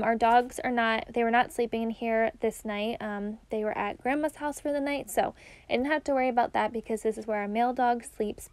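Young adult woman, fairly high voice, chatty, rambling with fillers, dry close sound. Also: a little mellow, no room sound. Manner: chatty, uses many "like" and "um" fillers. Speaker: cleaning vlogger. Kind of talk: casual chat to camera. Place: home.

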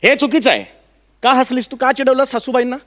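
A man's voice: very high voice, a little fast, background noise. An actor playing a father-in-law who scolds his daughter in a theatrical way and keeps repeating the same line, in a stage comedy sketch. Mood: blustering.

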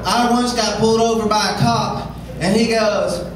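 A man's voice: high-pitched, steady tone, moderate pace, noisy background. A man doing a stand-up comedy set with impressions and a put-on accent, heard on a club stage with the audience laughing. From West Virginia. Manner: switches between a put-on foreign accent and impressions. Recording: roomy far-off live club recording.

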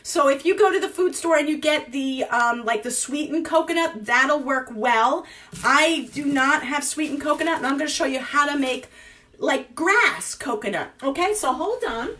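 A woman's voice: sits high, lively intonation, moderate pace, pushed and bright. A woman in her forties teaching a live cooking class from her home kitchen, rambling and thinking aloud with lots of fillers.

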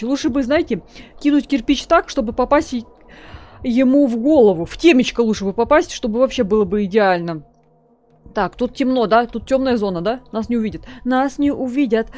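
A woman with a fairly high voice gives casual gameplay commentary. She is chatty and jokey, talking to her viewers and teasing the characters in the game. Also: fairly quick, darkish tone. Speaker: let's play host.

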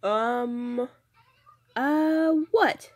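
A woman's voice: on the high side, drawn-out words. A woman voicing a fussy young female customer in a doll play, whiny and complaining.

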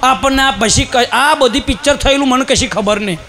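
A man with a Gujarati accent telling a comic story on stage, animated and shouting punchlines as he acts out the people in it. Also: extremely high pitch, normal speed. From Gujarat, India. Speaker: stand-up comedian.

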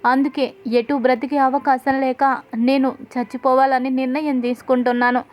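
A woman's voice: high voice, level tone, moderate pace, darkish tone, natural voice. A woman voicing a tearful young married woman who speaks in a pleading, sorrowful way. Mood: despairing.

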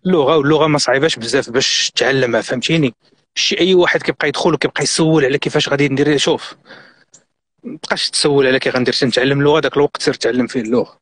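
A man's voice: medium pitch, rapid-fire, a bit bright, no echo. A middle-aged man from Morocco with a Moroccan accent, a guest on a live stream, giving earnest, insistent advice and mixing in French and English words.

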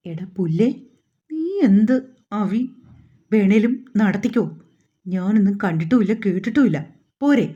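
Woman narrator voicing a furious young man, husky and dark, in a dull storybook recording. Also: mid-range voice, lively intonation, measured pace, long pauses. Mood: angry. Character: hot-tempered young man, cursing and shouting.

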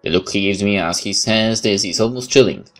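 A man's voice: fairly low pitch, fairly quick, a bit bright. A man playing a game on camera-free commentary, reading its narration aloud and adding remarks of his own. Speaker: let's player. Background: game music.

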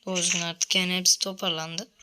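Playing a mobile shooter on stream, a woman talks fast in a lowish voice with little pitch movement, over background noise. Her casual commentary is full of frustrated grumbling and swearing.

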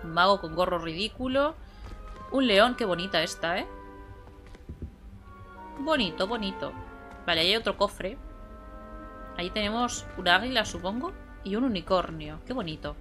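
A woman's voice: medium pitch, animated, normal speed, pauses often. A young woman giving casual, playful gameplay commentary, chatting to herself as she plays. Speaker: gameplay streamer. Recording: game music behind.

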